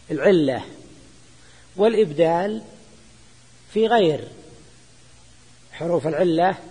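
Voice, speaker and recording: An older man teaching grammar in a classroom lecture, explaining slowly and repeating terms, sometimes answering students. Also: high voice, a little mellow, slightly rough. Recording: echoey hall recording.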